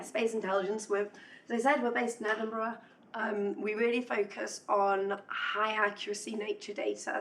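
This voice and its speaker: A woman's voice: mid-range voice, creaky. A woman giving a technical conference talk while losing her voice, chatty and self-deprecating, with many ums. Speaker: conference speaker. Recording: distant voice with faint hum.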